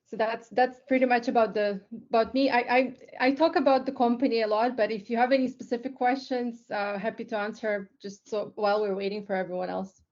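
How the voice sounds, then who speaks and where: A fairly high-voiced woman from Lithuania presents her tech company in a relaxed webinar, talking chattily with frequent fillers and restarts. The sound comes over a video call and is a little dull. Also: fairly quick, few pauses. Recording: slightly dull online call audio.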